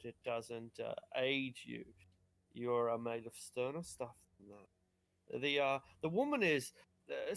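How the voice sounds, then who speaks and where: A man running a tabletop game as game master, improvising dramatic, halting narration. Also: medium pitch, vocal fry, fairly bright tone, no room sound.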